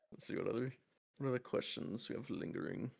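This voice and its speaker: A man's voice: lowish voice, gravelly, husky. A man hosting a casual group Q&A over a call, rambling with restarts and frequent laughs. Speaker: animation studio team member hosting Q&A.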